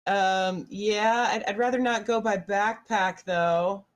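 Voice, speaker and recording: A shy young hero stammers out slow, hesitant words in a tabletop game, with a woman game master voicing him. The voice is close to her own, only quieter in spirit and halting. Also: mid-range voice, steady tone, lightly acted.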